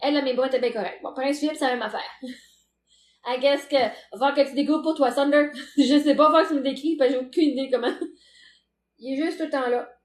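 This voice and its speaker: A woman's voice: sits high, a little fast, echoey room. A woman with a Québécois accent, chatting casually and playfully with viewers as a livestream host, laughing often. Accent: Québécois French. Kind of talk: casual live chat.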